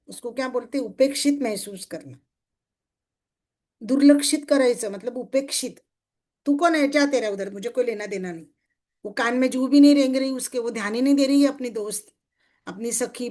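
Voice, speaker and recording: A middle-aged woman coach with a somewhat high voice leads a group workshop. She keeps turning to her listeners with questions and checks that they follow. She brings her points to life by voicing little everyday scenes. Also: a little mellow. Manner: acts out everyday scenes in quoted speech. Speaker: success coach. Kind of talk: motivational group workshop talk.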